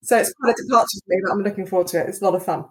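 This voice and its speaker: A woman's voice: mid-range voice, racing, rough recording. Cheeky, playful woman author. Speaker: indie author guest. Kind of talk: casual podcast chat.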